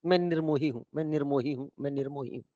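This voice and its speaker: Male teacher voicing a calm, aloof ion in a classroom storytelling bit, high voice, lo-fi hall recording. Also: fast, close to an everyday voice. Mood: detached. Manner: quiet, detached, repeating himself. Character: aloof male diazonium ion, calmly renouncing family. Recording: echoey hall, dull lo-fi sound.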